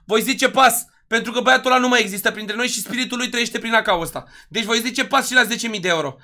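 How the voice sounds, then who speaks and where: A high-pitched, bright-voiced young man hosting a gaming livestream from his computer. He talks straight to his chat and yells when a case opens or a donation comes in. The loud delivery stays close to the mic. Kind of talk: hyped livestream commentary.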